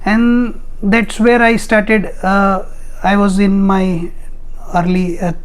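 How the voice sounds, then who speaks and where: A man's voice: high-pitched, flat delivery, slow pace, clear, resonant tone. A man from India in his thirties, a guest in a casual interview, who speaks hesitantly with many fillers and loose grammar.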